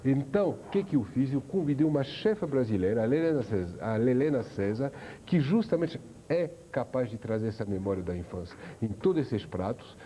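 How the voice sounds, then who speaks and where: A man's voice: mid-range voice, lively intonation, normal speed, warm tone, a little hiss or hum. A man from France, a chef guest on a TV talk show, telling his story with enthusiasm. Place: TV studio.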